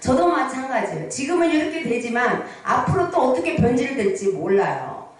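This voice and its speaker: With a high, sing-song voice at a moderate pace, a pastor in her sixties tells stories from the pulpit and poses frequent rhetorical questions to the congregation. The recording carries the echo of a large prayer hall, her voice reaching the mic from a distance.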